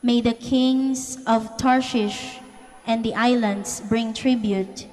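A woman's fairly high voice reads scripture slowly and solemnly as a lector at Mass. Her phrasing is formal and deliberate, with long church reverb around it. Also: fairly even intonation, darkish tone. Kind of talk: solemn scripture and psalm reading. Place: large church interior.

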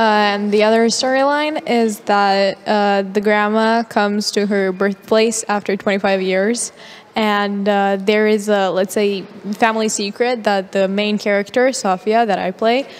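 Speaking a little slowly in a smooth, mid-range voice with fairly even intonation, a young teenage actress fields interview questions and interprets for her director. She is hesitant and leans on lots of fillers. The handheld-mic recording, made in the large hall of a festival press area, has hall reverb.

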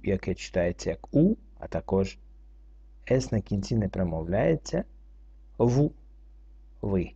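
A man teaching French reading, going through it slowly word by word and spelling out letters and rules. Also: lowish voice, vocal fry, mellow, breathy edge. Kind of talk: slow word-by-word reading lesson. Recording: dull lo-fi recording.

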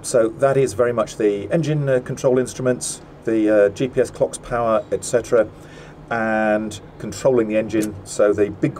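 A middle-aged man, a land speed record driver, gives a methodical, measured cockpit tour with frequent ums and uhs. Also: medium pitch, darkish tone, a little hiss or hum. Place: seated in a car cockpit inside a large workshop. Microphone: small camera mounted in the cockpit.

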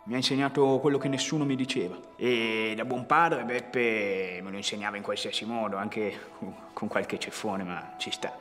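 A man's voice: lowish voice, steady tone, normal speed, few pauses, a bit bright, soft background music, natural voice. A man playing a hot-tempered former party member in a mockumentary interview, talking bluntly and colloquially. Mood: aggrieved. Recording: reverberant room.

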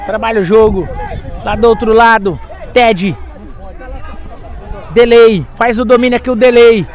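Brazilian guy calling a soccer game live, really high voice, outdoors w/ a little crowd noise. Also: a little slow. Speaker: football match commentator. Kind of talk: live play-by-play commentary. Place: small outdoor grass football ground, at the touchline.

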